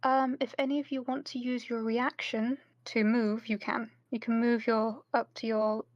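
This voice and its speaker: A woman's voice: on the high side, little pitch movement, moderate pace, no echo. A woman playing a tabletop game, casual and playful, explaining her spells to the table. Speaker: player. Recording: dull, dry voice-call mic.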